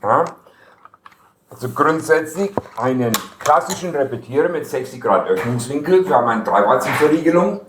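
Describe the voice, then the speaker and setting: An American man working as export manager for a gun maker demonstrates a rifle, explaining its technical features step by step with a Franconian German tinge to his accent and a few grammar slips. His voice is medium-pitched, animated, and at normal speed. The recording is a roomy, distant field recording with faint noise.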